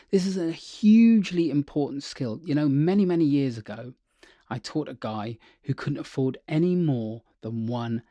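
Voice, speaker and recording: A man's voice: medium pitch, mellow, no echo, clean studio sound. A man teaching a singing lesson as a vocal coach, upbeat and chatty, checking in with the listener often.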